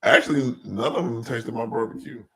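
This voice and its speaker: A man hosting a casual talk show, telling animated stories in an easygoing chat. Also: mid-range voice, creaky, crowd noise. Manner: animated storytelling, drawn-out complaints. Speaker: podcast host.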